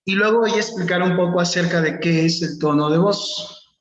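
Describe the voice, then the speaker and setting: A man teaching a preaching workshop online, reading scripture and calling on students by name. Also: high voice. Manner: slow, instructive, calls on students by name. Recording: echoey, dull lo-fi room sound.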